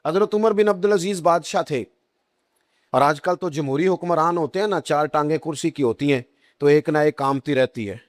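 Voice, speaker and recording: High-voiced Punjabi-accented male preacher. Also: no room sound, studio quality. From Pakistan. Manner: storytelling, rising to high emphatic lines on dialogue. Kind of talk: sermon.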